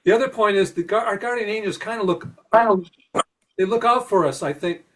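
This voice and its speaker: A man with a slightly high voice hosts a spiritual podcast conversation. He speaks warmly encouraging words with a reassuring tone, often pausing and restarting his sentences. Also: slight background noise. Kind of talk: casual spiritual discussion.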